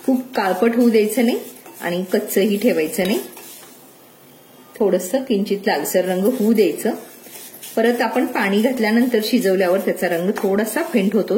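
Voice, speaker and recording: A woman hosting a cooking channel, calmly walking through a recipe step by step in a home kitchen. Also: medium pitch. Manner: calm, step-by-step instructive. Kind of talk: recipe narration. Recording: echoey kitchen, faint noise.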